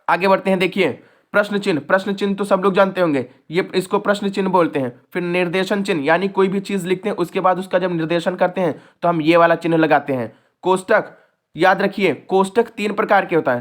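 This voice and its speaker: Brief: young male teacher, high voice, patient step-by-step explainer, exam-prep class. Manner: explains step by step, checking in with "ठीक है".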